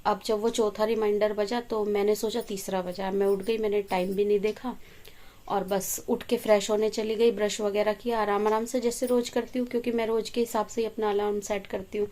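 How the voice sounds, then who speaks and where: A woman chatting casually in a home vlog, telling rambling stories about her day, at times speaking softly so as not to wake her family. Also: medium pitch, level tone, fairly quick. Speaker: vlogger.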